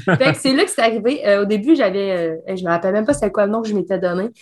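A woman's voice: mid-range voice, racing. A woman with a Québécois French accent, chatting as a guest with frequent laughter and lots of fillers. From Quebec. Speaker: guest, escape game creator and streamer. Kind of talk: casual interview chat.

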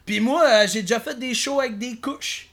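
A Québécois guest with a bright, forceful tone rambles through comedic interview banter. The delivery is hesitant and full of fillers, and outrageous claims come in a deadpan, mock-serious way at a middling pitch. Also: moderate pace. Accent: Québécois French.

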